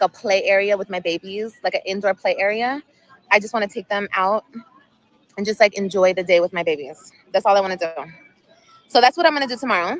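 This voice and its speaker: Outdoors at sunset, a woman in her thirties chats on a livestream as a vlogger, emotional and meandering, often saying the same things again. She has a medium-pitched, fairly bright voice, captured in a low-quality recording.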